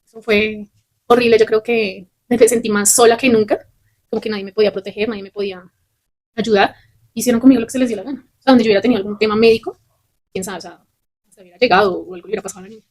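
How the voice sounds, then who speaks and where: A young adult woman, a podcast host telling a personal story candidly and with animation. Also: medium pitch. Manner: candid, fast and animated, swears casually.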